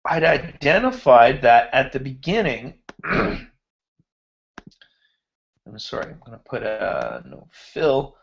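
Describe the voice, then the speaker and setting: A man with a mid-range, very animated, creaky voice teaches finance via screen share on an online hangout, muffled by his computer mic. He moves slowly through a spreadsheet, musing aloud as he formats cells, while clearing his throat and losing his voice.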